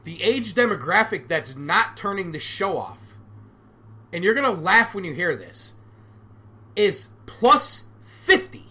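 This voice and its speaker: A man's voice: sits high, big pitch swings, normal speed, sharp tone, breathy edge. A man in his forties hosting a solo podcast, ranting sarcastically and with animation. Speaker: podcast host.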